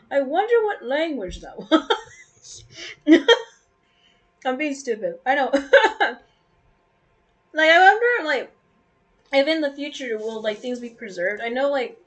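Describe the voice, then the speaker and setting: A young woman giving casual, rambling commentary while playing a game. She laughs often, chats between bites of food and trails off mid-thought. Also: high-pitched. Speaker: gaming YouTuber. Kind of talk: casual let's play commentary.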